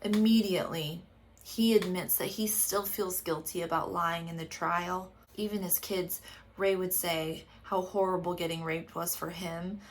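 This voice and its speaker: A woman's voice: lowish voice, steady tone, measured pace, a little hiss or hum. A woman hosting a podcast, recapping a TV episode in a casual, sarcastic way, swearing now and then and quoting the characters' lines.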